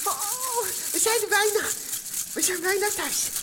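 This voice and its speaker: A woman on stage voicing a small, anxious male mouse who rides a bicycle, squeaky and hurried, for a live children's story show. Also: noisy background. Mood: reassuring. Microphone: headset mic.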